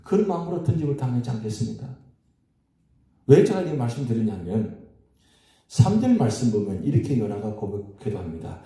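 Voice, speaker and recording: A man's voice: medium pitch, sing-song, a little fast, long pauses, mellow. A man preaching a dawn sermon as pastor, asking his congregation rhetorical questions. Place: church sanctuary. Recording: echoey church hall.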